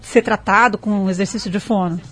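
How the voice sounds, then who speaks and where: Woman interviewer, husky tone, short questions. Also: mid-range voice, steady tone, fairly quick. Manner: brief, inquisitive questions.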